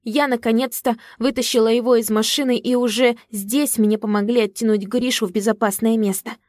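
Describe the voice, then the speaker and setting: A woman's voice: a little high, fairly even intonation, brisk, darkish tone, no echo, clean studio sound. A woman narrating a story in the first person, with emotional storytelling. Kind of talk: audiobook narration.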